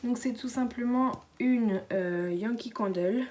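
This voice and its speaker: A teenage girl chatting casually through a beauty haul at home, speaking softly and often slipping into a whisper, with lots of fillers and restarts. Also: fairly high pitch, takes it slowly, a little hiss or hum. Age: late teens. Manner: hushed, often dropping to a whisper. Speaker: beauty vlogger. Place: at home indoors.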